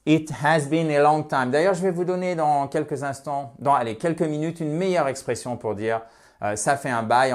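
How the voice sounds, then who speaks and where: Lively male language teacher explaining. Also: medium pitch. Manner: lively, slows down to stress example sentences; checks in often with the viewer. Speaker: English teacher.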